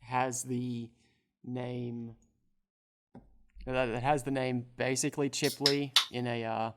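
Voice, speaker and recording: Speaking slowly at medium pitch with little pitch movement, a young player describes what he does in a tabletop RPG. His casual narration rambles and jokes, packed with filler words and restarts.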